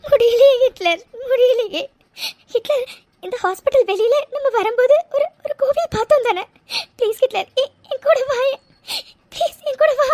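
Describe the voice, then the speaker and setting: Brief: sobbing guilty young daughter in a cartoon, voiced by a woman, squeaky-high and tearful, dry booth. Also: lively intonation, moderate pace, darkish tone, dry recording. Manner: sobbing, pleading. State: crying. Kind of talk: cartoon voice acting.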